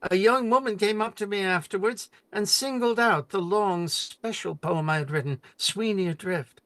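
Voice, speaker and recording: An older man giving a solemn, deliberate reading of memorial poetry with dramatic emphasis. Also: sits high, fairly bright tone, dry recording. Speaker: poet.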